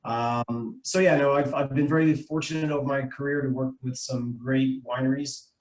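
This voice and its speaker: Steady in tone and moderate in pace, this middle-aged Canadian wine importer's mid-range voice explains things casually during an online meeting. He hesitates now and then, and his video call mic captures the echo of the indoor room.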